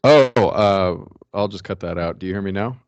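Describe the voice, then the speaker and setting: A man's voice: low-pitched, normal speed, clear, resonant tone, no echo. A man talking casually as a guest over an internet call that is breaking up and cutting out. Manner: relaxed, rambling, many "like" fillers. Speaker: guest on a live-stream show. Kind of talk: casual conversation. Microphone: remote call audio. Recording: dull lo-fi dry call audio.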